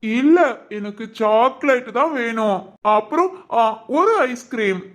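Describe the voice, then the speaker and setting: A man's voice: very high-pitched, animated, slow, fairly bright tone, pitched above the performer's own voice, heavily acted. A man voicing an adult man with a ten-year-old's mind, pleading in a whiny, childlike way. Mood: whiny, demanding.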